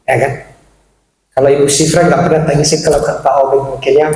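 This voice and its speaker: A man preaching a sermon to his congregation in a chatty, animated way, addressing them directly and laughing along with them. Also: fairly high pitch, brisk. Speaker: pastor. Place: large echoey church hall. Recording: echoey church hall, faint hiss.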